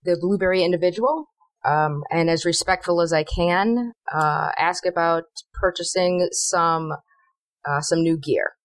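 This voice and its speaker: Chatty woman player, lowish voice. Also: fairly even intonation, a little slow, no room sound. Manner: chatty, hesitant, many fillers. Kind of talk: casual tabletop play.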